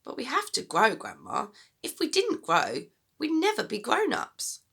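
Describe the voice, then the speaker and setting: A woman's voice: high-pitched, wildly swooping pitch, a little slow, creaky, sharp tone, husky, pitched above the performer's own voice, exaggerated voice. A woman voicing a polite, put-upon eight-year-old boy in a children's storybook, dutiful and meekly protesting.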